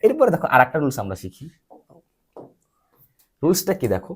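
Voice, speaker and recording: Male teacher, singsong delivery, patient and quizzing, spells letters slowly. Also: medium pitch, huge pitch swings, slightly rough. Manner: asks frequent check questions and spells letters out slowly. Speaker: English teacher. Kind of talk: patient spoken lesson, quizzing a student.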